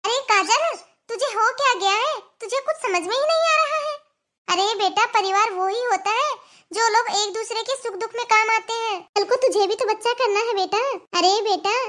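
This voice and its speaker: A woman voicing a patient middle-aged mother in a cartoon, calmly reasoning and coaxing her daughter. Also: extremely high pitch. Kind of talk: cartoon voice acting.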